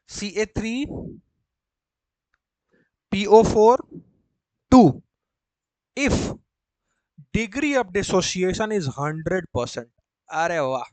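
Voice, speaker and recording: Male chemistry tutor, high-pitched, dry close sound, coaxing and repetitive classroom delivery. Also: no room sound. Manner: chatty, coaxing, repeats and quizzes students. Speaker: chemistry teacher. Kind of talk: live class explanation. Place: coaching classroom.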